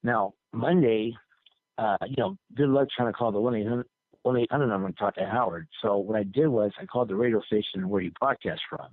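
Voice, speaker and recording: A man's voice: fairly low pitch, a little fast, dry recording. A man calling in to a show and telling a long, rambling, profane story, repeating himself as he goes. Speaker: caller. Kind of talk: casual call-in storytelling. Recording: tinny phone line, dry.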